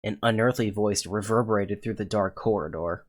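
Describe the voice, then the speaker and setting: A man's voice: on the low side, moderate pace, close to an everyday voice. A man reading scripted first-person horror game narration as an anxious young character. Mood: anxious, hushed suspense. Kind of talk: scripted narration read from a horror visual novel.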